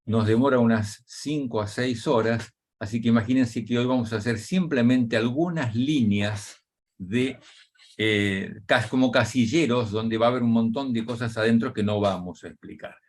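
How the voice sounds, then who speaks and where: A man with an Argentine Spanish accent explaining ideas in a webinar talk over a video call, pausing with fillers. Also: mid-range voice. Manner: lively, animated delivery with pauses and fillers. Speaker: webinar speaker on community dialogue.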